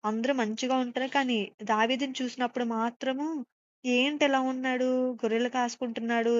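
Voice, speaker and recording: A woman's voice: fairly high pitch, dry recording, highs cut off. A woman evangelist preaching a sermon, asking rhetorical questions and mixing in English words.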